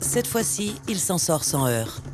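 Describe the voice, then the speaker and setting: A man reads scripted nature documentary narration in a measured, dramatic storytelling way. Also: high voice, sing-song. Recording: music bed under the narration. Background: background music, animal sounds.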